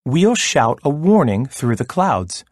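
Big loud silly female bird, voiced by a man, storybook, slow delivery, lively pitch. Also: no room sound, clean studio sound. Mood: chatty.

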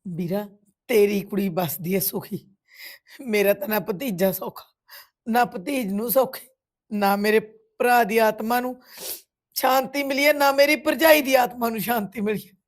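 A woman's voice: a little high, normal speed, lightly acted. An actress with a Punjabi accent playing a grieving village woman who bitterly reproaches a family friend. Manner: reproachful, tearful accusations. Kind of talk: village web series drama.

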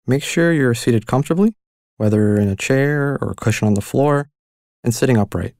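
A man narrating a guided mindfulness meditation as the guide, giving calm, gentle, unhurried instructions with long pauses between phrases. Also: mid-range voice, dry recording, clean studio sound.

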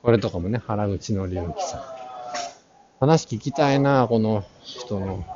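A young male vlogger gives casual, offhand commentary while walking through a large, busy indoor art fair hall, filming on a wide-angle camera held at arm's length. His voice is on the low side, expressive, and slow. The lo-fi recording sounds dull, with crowd chatter filling the background.

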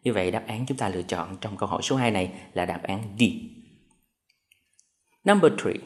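A man's voice: fairly low pitch, a little fast. Methodical male teacher reading out options. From Vietnam. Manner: methodical, reads out answer options one by one. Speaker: English teacher. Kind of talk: televised exam-prep lesson.

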